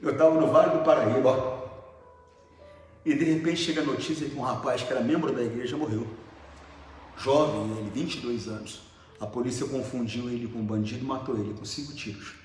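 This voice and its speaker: Brazilian pastor preaching in an echoey hall. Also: male voice, mid-range voice, steady tone, a little fast, a little mellow. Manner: emphatic, conversational preaching that questions the congregation. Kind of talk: sermon. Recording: very echoey hall, faint noise.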